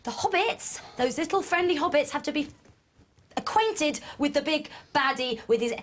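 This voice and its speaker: A brusque, sweary adviser with a fairly high voice. She talks with blunt scorn. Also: animated, moderate pace, slight background noise. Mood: scornful.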